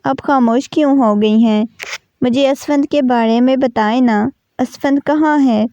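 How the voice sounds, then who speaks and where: A woman's voice: high voice, warm tone, no room sound. A woman voicing a young new mother who keeps pleading tearfully in a storybook reading. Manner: pleading, insistent.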